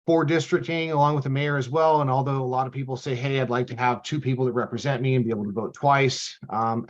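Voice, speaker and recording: Man, group video call, polite public comment, halting with fillers, muffled lo-fi audio. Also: mid-range voice. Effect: heard over a group video call. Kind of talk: public comment at a council hearing. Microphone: computer or phone on a video call.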